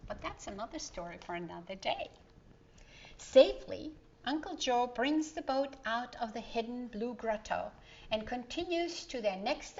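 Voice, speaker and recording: A woman reads a children's story aloud expressively, using dramatic pauses and asides to the young listeners. Her voice is mid-range, and the recording has its highs cut off.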